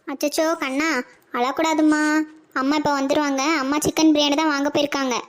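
Old village grandma, scolding and bossy; a woman voices her high. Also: little pitch movement, quick pace, natural voice. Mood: fretting. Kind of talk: cartoon voice acting.

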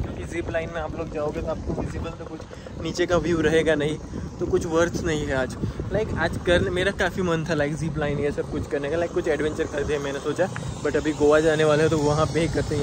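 A young man talks casually to his viewers as he walks around a foggy hilltop. His voice sits a little high, and he keeps calling out to the audience in a loose, chatty way. The sound comes from a handheld phone outdoors, with clear background noise behind him. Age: young adult. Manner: chatty, addresses viewers as guys. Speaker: travel vlogger. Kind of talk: casual travel vlog. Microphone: handheld phone at arm's length.

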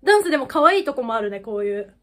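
A woman hosting a reaction video, reacting with excited exclamations and then talking through her thoughts casually. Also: high-pitched, rapid-fire.

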